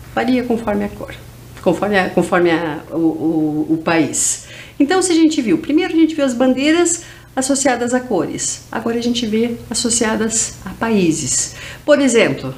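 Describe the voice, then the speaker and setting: A woman teaching English to schoolchildren on educational TV, with a Brazilian Portuguese accent, saying model phrases slowly for the class to repeat. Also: fairly high pitch. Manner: slow, drawn-out model phrases for repetition.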